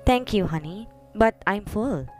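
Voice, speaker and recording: A woman voicing a doting, hot-tempered young male CEO who mixes in English and soft endearments, with faint music behind. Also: medium pitch, expressive, slow pace.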